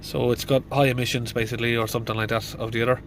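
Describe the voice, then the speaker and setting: A middle-aged mechanic, his voice congested from hay fever, thinks aloud inside a van in plain speech full of fillers. His mid-range voice is flat and racing, with slight background noise. He's casually walking through a diagnosis.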